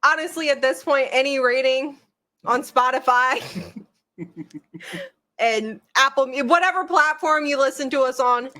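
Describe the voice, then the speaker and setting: Unhurried and pausing often, a woman with a high, pushed, bright voice hosts a casual podcast at home, recorded with a camera mic. Her chat wanders, full of jokes and self-deprecating humor.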